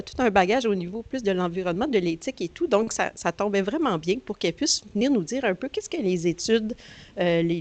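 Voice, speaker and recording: A woman with a Quebec French accent hosting a conference with an informal, hesitant introduction, often searching for words. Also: mid-range voice. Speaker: conference host.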